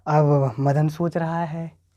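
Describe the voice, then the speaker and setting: A male teacher with a Bihari accent explains a story to board exam students, acting out its quoted lines, his voice swinging between loud and soft. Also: fairly high pitch, little pitch movement, slow, lo-fi sound.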